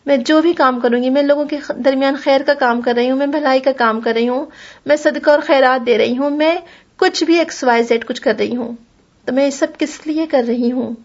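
A woman's voice: high-pitched, steady tone, a little mellow, dull audio. A woman teaching a Quran class, explaining patiently, repeating key points and reciting Arabic verses. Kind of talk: religious lesson.

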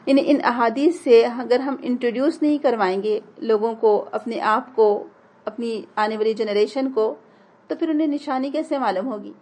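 A woman's voice: a little high, fairly even intonation, normal speed, darkish tone. Earnest woman teaching a religious class. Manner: earnest, explanatory, urging.

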